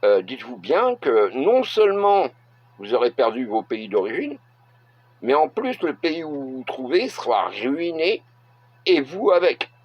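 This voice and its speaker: A middle-aged man from France, giving a blunt opinion monologue to camera and pausing often to hesitate. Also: mid-range voice, very animated, husky. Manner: blunt, halting with frequent filler hesitations. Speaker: vlogger. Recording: dull lo-fi recording.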